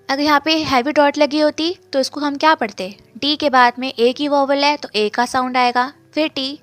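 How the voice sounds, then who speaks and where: A woman's voice: high voice, fairly bright tone. A woman teaching shorthand step by step, repeating each sound and asking and answering her own questions. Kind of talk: step-by-step lesson explanation.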